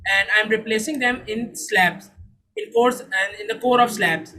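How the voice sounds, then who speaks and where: In a low-quality recording, a young startup founder from Saudi Arabia gives his pitch and handles a Q&A. His voice sits high, pushed and bright, and he takes his time. He is earnest and formal, using a polite "sir."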